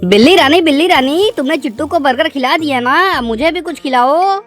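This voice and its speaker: A woman's voice: high voice, expressive, a little fast, soft background music. A woman voicing a cheeky, sulky young boy in a cartoon, whiny and demanding.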